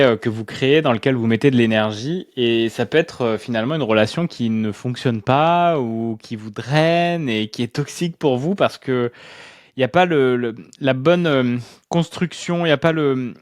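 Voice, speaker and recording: A man talks casually and warmly to his listeners as a co-host, sometimes slowing and groping for words. His voice sits in a middle pitch, and the sound is dry and close. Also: dry recording. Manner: friendly, addresses listeners directly, slow and searching at times. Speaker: astrology coaching co-host. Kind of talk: casual chat.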